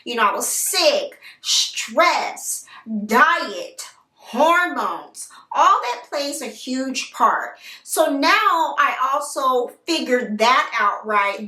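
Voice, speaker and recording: A woman vlogger telling her story to viewers in a chatty, animated way, talking straight to them. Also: high voice, slow, recorded from a distance. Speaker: hair care vlogger. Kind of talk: casual storytelling to camera. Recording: roomy echo, voice set back from the mic.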